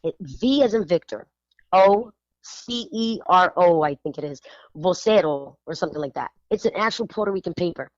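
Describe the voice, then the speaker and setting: A woman's voice: lowish voice, normal speed, no echo. New lady hosting a radio show, emphatic, dry dull-sounding studio. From New York (Spanish Harlem). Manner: animated, emphatic, lots of "you know". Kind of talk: casual radio chat.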